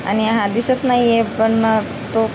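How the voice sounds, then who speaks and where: A woman recounts her day in an unhurried voice-over. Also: on the high side, little pitch movement. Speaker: home vlogger. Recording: voice-over with loud hiss and background noise.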